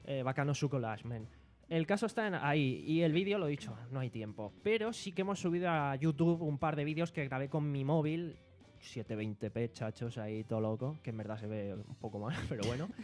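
Over soft background music, a young Spaniard with a mid-range, slightly mellow voice talks in an animated, fairly quick way. He's the host and sound technician of a casual podcast recorded in a living-room studio on a stand-mounted desk mic. His style is rambling and joking, often at his own expense.

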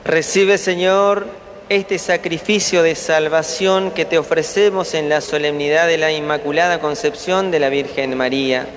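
Priest with long cathedral echo. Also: male voice, a little high, steady tone, fairly bright tone. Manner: measured, solemn recitation. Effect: cathedral echo, long church reverb. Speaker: priest celebrating Mass. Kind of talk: liturgical prayer recitation. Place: large basilica. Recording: echoey basilica with background noise.

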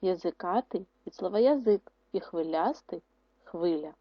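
Breathy woman teacher dictating a lesson. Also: fairly low pitch, lively intonation, dry recording. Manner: slow, syllable-by-syllable dictation of words; clear, instructive teacher's delivery. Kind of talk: video lesson for schoolchildren. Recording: dry, muffled lo-fi recording.

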